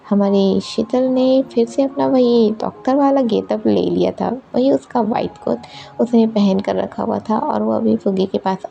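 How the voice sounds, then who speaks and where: A woman's voice: a little high, vocal fry, warm tone. A woman narrating a romance story, describing scenes in detail and fondly calling the characters "our".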